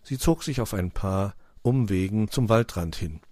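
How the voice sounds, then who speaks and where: A man calmly narrating a children's story in a measured way. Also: fairly low pitch, dry recording, studio quality.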